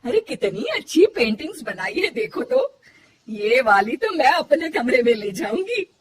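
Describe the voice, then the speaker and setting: A woman's voice: sits high, big pitch swings, measured pace, slight background noise, voice pushed up. A woman voicing a motherly middle-aged mother-in-law in a cartoon story, talking in a fussing, affectionate way. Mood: delighted.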